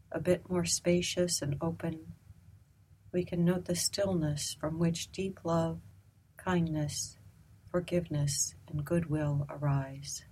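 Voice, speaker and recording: A woman with a low, breathy voice guides a meditation. She speaks slowly and softly, in a calm and gentle way. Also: low-quality recording. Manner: slow, soft, calm and gentle.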